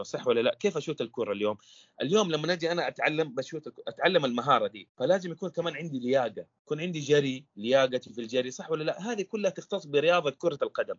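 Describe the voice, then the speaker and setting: Fast-talking husky man. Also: a little high, no echo, highs cut off. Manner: teacherly, keeps asking rhetorical questions. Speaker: podcast guest, stuttering coach. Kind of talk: explanatory podcast interview.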